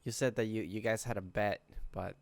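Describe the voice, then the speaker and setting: A man hosts a casual podcast interview. His voice sits on the low side with a creaky, gravelly fry, and he puts questions in a loose, conversational way. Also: steady tone, a little fast, dry recording.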